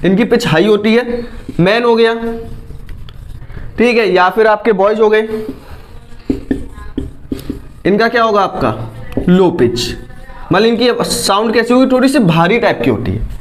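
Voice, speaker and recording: A man, lecturing students in a lively classroom style. He keeps asking questions and answers each one himself. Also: high-pitched, unhurried, pauses often. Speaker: teacher.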